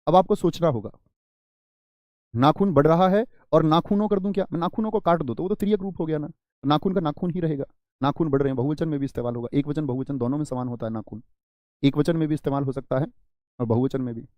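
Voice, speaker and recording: A man's voice: on the high side, fast, darkish tone, dry recording, highs cut off. A man teaching a Hindi grammar class online, talking straight to his students, stressing and stretching single words to drive points home. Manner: addresses students as friends, preachy asides.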